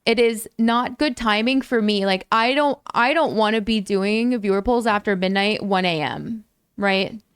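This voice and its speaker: Speaking unhurriedly in a clear, resonant tone, this gaming streamer chats easily with her audience and erupts into thrilled, high-pitched thanks for donations. She's a young woman whose voice has gone slightly low and tired after a long session. The clean studio recording has no echo.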